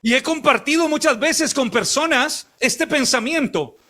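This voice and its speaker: Very high-voiced, bright male preacher. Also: animated, unhurried. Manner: emphatic preaching, bursts into shouts, chuckles at the audience. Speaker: missionary preacher. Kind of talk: sermon.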